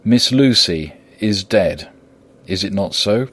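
Male reader doing an older professor: low, slow, solemn, compassionate. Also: animated, fairly bright tone, breathy edge, heavily acted. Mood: grave. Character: old, grave, compassionate professor.

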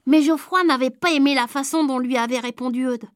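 A woman with a high voice narrates a children's book in a lively, childlike first-person way. She reads close to the mic, so the sound is dry with no room around it. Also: brisk, no echo. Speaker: audiobook reader. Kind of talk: storybook narration.

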